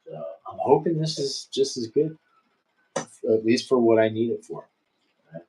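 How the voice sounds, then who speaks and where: A man's voice: medium pitch, unhurried, dark tone, slight background noise, poor audio. A middle-aged man hosting a casual livestream, rambling in an easygoing way with lots of fillers and restarts. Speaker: livestream host and musician.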